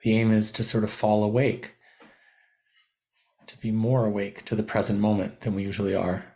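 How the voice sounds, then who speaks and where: Gentle, slow instructions for a body scan meditation come from a man acting as teacher, who pauses partway through phrases. His lowish voice is delivered flatly.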